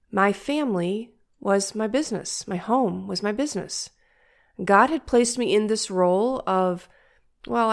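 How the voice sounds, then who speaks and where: An older woman with a congested, nasal voice from a stuffed-up head, giving a measured, instructive coaching monologue as a podcast host. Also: mid-range voice, gravelly.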